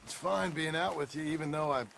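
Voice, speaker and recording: An actor playing a gruff grown rancher in a western game, speaking in terse lines. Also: male voice, fairly high pitch, steady tone, a little fast, fairly bright tone. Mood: awkward.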